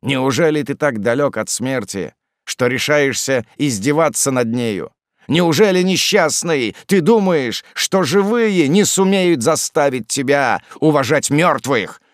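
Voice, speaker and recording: A man's voice: mid-range voice, lively intonation, normal speed, no echo, voice pushed up, close to an everyday voice. A stern young officer gives orders in a firm, threatening voice, as a male audiobook reader puts him on. His delivery rises and falls with strong emphasis. The recording is dry and close. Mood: commanding. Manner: firm, commanding tone. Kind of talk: audiobook reading.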